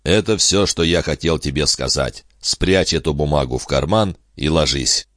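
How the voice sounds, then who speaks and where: Man doing a gruff, stern older farmer. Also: extremely low pitch, moderate pace, no room sound, clean studio sound. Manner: terse, stern, grumbling.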